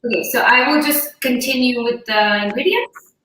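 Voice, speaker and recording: Lady chef talking thru each step, bright voice, big hall echo all over it, faint hiss. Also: on the high side, moderate pace. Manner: chatty, friendly, walks through each step as she cooks. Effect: heavy echo, like a big hall. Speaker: cooking host. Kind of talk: live online cooking demonstration. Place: home kitchen on a video call. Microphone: phone or laptop mic set a little away from her. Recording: very echoey room with faint hiss.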